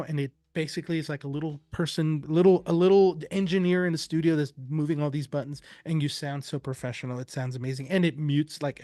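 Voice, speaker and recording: Male demo presenter, slightly high, dry close sound, eager and rambly. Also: a little mellow, no echo. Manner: chatty and enthusiastic, rambling with fillers. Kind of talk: live software demo.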